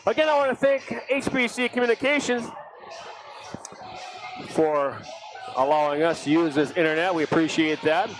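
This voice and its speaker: A middle-aged man calling live hockey play-by-play, with excitable calls that jump high on big saves. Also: normal speed, long pauses. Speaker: play-by-play announcer. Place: ice arena broadcast booth. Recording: noisy arena stream.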